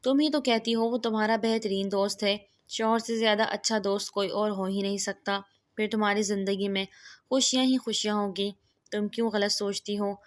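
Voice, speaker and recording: A woman's voice: medium pitch, fairly even intonation, lightly acted. A woman reading the lines of a young woman comforting her friend in a storybook, soothing and reassuring.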